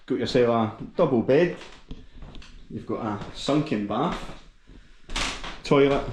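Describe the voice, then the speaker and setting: A man's voice: fairly low pitch, darkish tone, slight background noise. A man with a Scottish accent, chatting casually and enthusiastically as a travel vlogger while walking around a lodge and lochside. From Scotland. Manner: chatty and enthusiastic, heavy on local slang.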